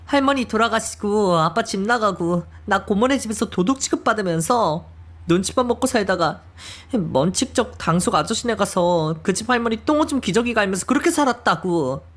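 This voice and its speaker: A woman's voice: mid-range voice, animated, normal speed, close to an everyday voice. A woman voicing a hurt young adult daughter who reproaches her mother in an emotional audio drama reading. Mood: reproachful.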